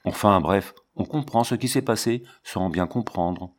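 A man reading a novel aloud in measured, steady audiobook narration. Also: fairly low pitch. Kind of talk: scripted literary narration.

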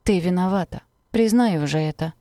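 A woman's voice: lowish voice, a little fast, mellow, dry recording, studio quality, natural voice. A woman reading the part of a bitter teenage boy in an audiobook who taunts and blames the girl he speaks to. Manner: taunting, venomous.

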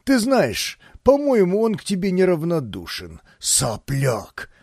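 A man's voice: huge pitch swings, slow, gravelly, a little mellow, slightly rough, no room sound, studio quality, exaggerated voice. A man playing a blustering old grand duke. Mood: scheming. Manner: booming, blustering. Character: blustering older male grand duke, a father. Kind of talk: audiobook character voice.

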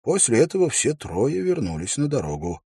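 A man narrating a fantasy audiobook in a measured, even storytelling manner, close to the mic. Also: mid-range voice, husky, dry recording.

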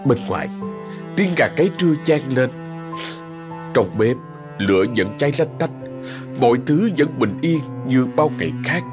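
A man narrating a scripted story in a soft, expressive way. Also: medium pitch, normal speed, long pauses. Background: faint music.

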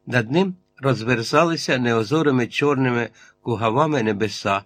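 A man reading a literary novel aloud in a measured way, in short phrases. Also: mid-range voice, a bit bright, a little hiss or hum. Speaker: audiobook narrator.

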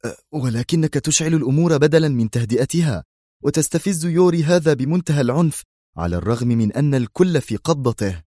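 A man's voice: mid-range voice, lively intonation, fast talker, warm tone, no room sound, clean studio sound, voice pushed up, close to an everyday voice. A man putting on a tense, worried agent. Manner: nervous, pleading, raised voice. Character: tense male intelligence aide, worried.

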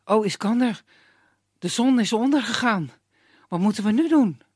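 A man's voice: high voice, lively intonation, moderate pace, husky, no echo, clean studio sound, pitched above the performer's own voice. A storyteller doing an anxious lovesick young woman. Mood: pleading. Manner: pleading, anxious.

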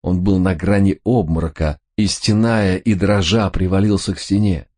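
A man reads a noir crime audiobook in a very deep, husky voice. His delivery is measured and steady, scripted narration throughout.

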